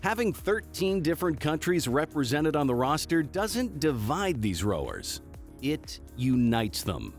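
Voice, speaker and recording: A man narrates a sports show with a polished, promotional read. His voice sits fairly high and moves a lot, with faint music beneath. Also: big pitch swings, measured pace. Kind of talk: scripted narration.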